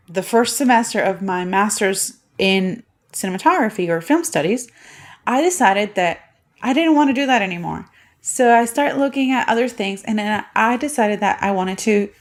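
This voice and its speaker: A woman in her thirties from Puerto Rico hosts a solo podcast, telling a personal story in a chatty way with a medium-pitched voice.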